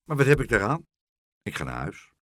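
A man's voice: on the low side, huge pitch swings, brisk, no echo, clean studio sound. A man reading a storybook, voicing an earnest, brave little boy.

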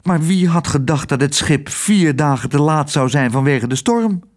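Man reading as a sailor dad, anxious, urgent, voice pitched up, storybook reading. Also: lively intonation, moderate pace, natural voice. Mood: worried. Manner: urgent, agitated. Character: anxious, impatient adult male sailor father.

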